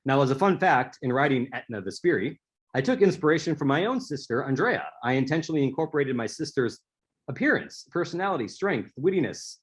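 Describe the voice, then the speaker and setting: Here a man with a sing-song, mid-range voice and a breathy edge speaks fairly quickly. He is an author presenting a prepared speaker-series talk, telling stories and occasionally restarting.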